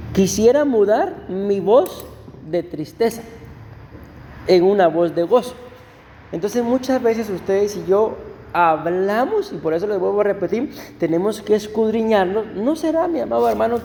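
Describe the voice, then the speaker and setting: A male pastor giving a conversational sermon to his congregation, often slowing down to read verses aloud. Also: sits high, dark tone, big-room sound, slight background noise. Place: church.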